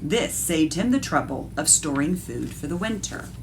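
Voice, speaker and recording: A woman art teacher with a low, animated voice reads a picture book aloud expressively at normal speed, explaining things and speaking directly to young listeners in an instructive way. Background noise is present.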